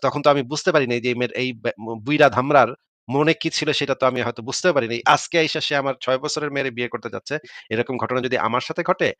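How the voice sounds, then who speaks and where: A man's voice: mid-range voice, a bit bright, no room sound. A man hosting a heated live online debate, arguing his case and retelling arguments with rising emphasis. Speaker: debate host.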